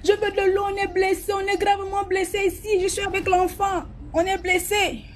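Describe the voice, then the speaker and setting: A woman voicing a desperate stranger man who begs for water at night, in a high, strained pleading voice. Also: flat delivery, moderate pace, soft background music.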